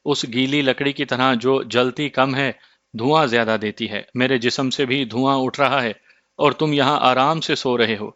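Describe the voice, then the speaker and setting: A man's voice: mid-range voice, steady tone, a bit bright, no room sound, muffled recording, natural voice. A man voicing a distressed young wife held captive by a jinn, reproachful and pleading, in an audio horror story. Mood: anguished.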